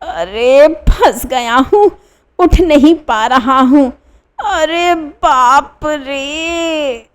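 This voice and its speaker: A woman's voice: sits high, drawn-out words. A woman voicing a fussy middle-aged male landlord, moaning and wailing in pain, in a one-reader radio play. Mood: groaning.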